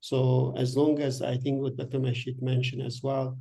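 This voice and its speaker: A man's voice: mid-range voice, monotone, normal speed, creaky, dark tone. A man answering audience questions in an online session, talking hesitantly as he searches for his words. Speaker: guest speaker.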